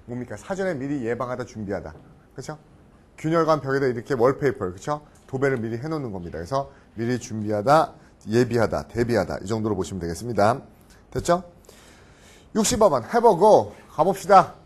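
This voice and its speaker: Husky, lively Korean lecture voice. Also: male voice, mid-range voice, fairly quick. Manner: asks the class questions, answers himself; clears his throat often. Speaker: professor teaching English idioms.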